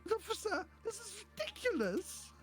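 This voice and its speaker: A woman's voice: very high voice, sing-song, normal speed, voice pushed up. Lady doing a grumpy nosy neighbor guy, big swoopy complaining, a bit of music behind. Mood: exasperated. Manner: theatrical, exasperated, gossipy. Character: fussy, complaining older male neighbor. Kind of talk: reading game dialogue aloud.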